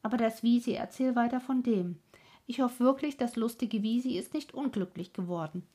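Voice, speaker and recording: A woman voicing a kindly uncle who asks eager, sympathetic questions in a read-aloud story, her tone breathy. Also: fairly high pitch, normal speed, mellow. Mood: gently teasing. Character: kindly curious uncle, a grown man.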